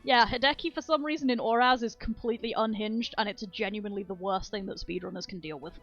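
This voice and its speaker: A woman's voice: medium pitch, fast talker, a bit bright, highs cut off, soft background music. A woman streamer chatting casually and rambling enthusiastically about speedrun details, swearing freely. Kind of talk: casual game-stream chat.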